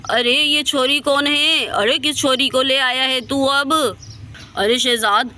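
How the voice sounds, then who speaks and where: Brief: woman doing a rustic village mother, blunt but motherly, bright and high in a storybook tale. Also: fairly even intonation, slow pace, heavily acted. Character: rural village mother, middle-aged, blunt.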